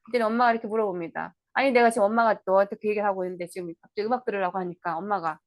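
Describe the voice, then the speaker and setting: A woman tutor giving an online lecture on an English play, reading lines slowly and explaining them in Korean, with questions to the viewers. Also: medium pitch, steady tone, dry recording.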